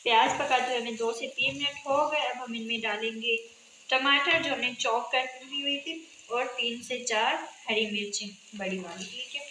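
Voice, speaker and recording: In a home kitchen, a woman with a slightly high voice runs a cooking channel, calmly and instructively guiding viewers through a recipe step by step and often closing a step with a check-in. The indoor room is echoey, with frying and sizzling from the pan in the background.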